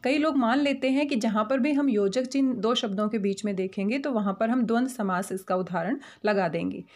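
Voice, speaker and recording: A woman with a fairly high voice teaches grammar from her slides. She is patient and methodical, and she slows down to spell out every example word. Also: a little mellow. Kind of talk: explaining grammar over slides.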